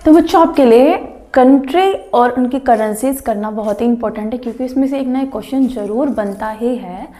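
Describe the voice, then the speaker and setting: A woman teacher giving a board lesson for exam preparation, slowly repeating names and asking students to say them back. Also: fairly high pitch, mellow. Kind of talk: whiteboard exam-prep lesson. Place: classroom with a board.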